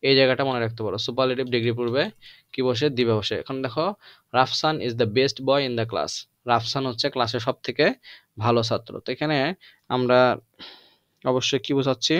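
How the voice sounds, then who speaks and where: A man's voice: medium pitch, fairly even intonation, brisk, pauses often, a bit bright, clean tone, dry recording, muffled recording. A man teaching English grammar to students, switching between Bengali and English and drilling the class with repeated questions. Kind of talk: lecture to students.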